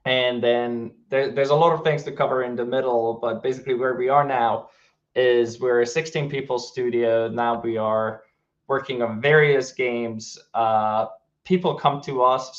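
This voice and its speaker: In an unhurried, medium-pitched voice, a Hungarian co-founder of a game studio speaks with a Hungarian accent during a casual interview. He sounds relaxed, full of fillers and false starts, and the audio is dull.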